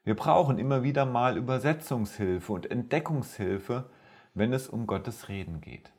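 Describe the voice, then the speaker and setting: A man's voice, fairly low, speaking in the steady, measured way of a teacher. He talks through a Bible passage for a podcast audience and reads scripture aloud slowly and deliberately.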